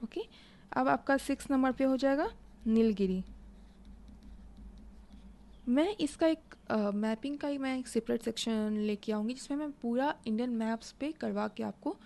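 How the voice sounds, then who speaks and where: A woman teaching an online exam-prep lesson, her fairly high voice carrying a gravelly, creaky edge. She talks slowly and deliberately because she writes as she goes. She poses a question to her students and then answers it herself. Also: a little mellow. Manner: explains slowly while writing, asks and answers own questions. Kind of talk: recorded online lesson, Hindi with English.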